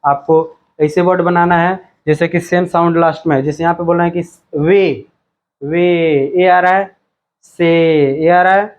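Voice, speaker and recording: A man's voice: sits high, steady tone. A male teacher explaining a textbook lesson, repeating himself and reading words out one by one. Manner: slow, repetitive, reads words out one by one.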